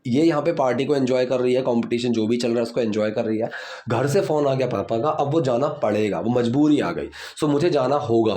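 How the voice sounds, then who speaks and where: A man's voice: medium pitch, darkish tone. Man teaching English grammar. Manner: slow, deliberate reading of English example sentences. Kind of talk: explaining grammar from movie subtitles.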